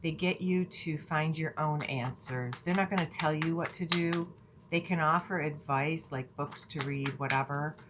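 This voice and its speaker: A woman's voice: low-pitched, normal speed, noisy background. A woman tarot reader talking to her viewers in a chatty, earnest way, with many fillers and restarts. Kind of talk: casual spiritual reading.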